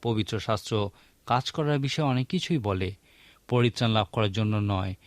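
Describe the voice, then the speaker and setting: A man's voice: medium pitch, no echo. A man preaching a sermon in an earnest teaching manner, asking rhetorical questions.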